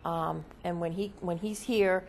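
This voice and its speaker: Female seance medium, lower-pitched, casual and halting explainer, seeks confirmation often, some background noise. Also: fairly even intonation, gravelly. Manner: seance medium talking plainly about channeling, haltingly, often checking with "okay?". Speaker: trance channeler, seance medium being interviewed.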